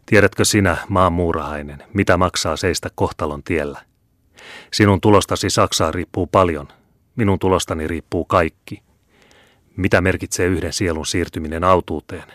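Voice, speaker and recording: A man voicing a stern, scheming Jesuit monk who speaks with low, commanding menace. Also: steady tone, fairly bright tone, no echo, clean studio sound.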